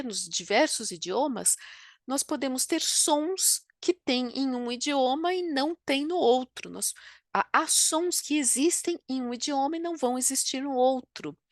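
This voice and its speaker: High-voiced Brazilian woman teaching French. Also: no echo, clean studio sound. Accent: Brazilian Portuguese. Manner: explanatory, frequent tag questions. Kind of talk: online language lesson. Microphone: computer microphone while drawing with a mouse.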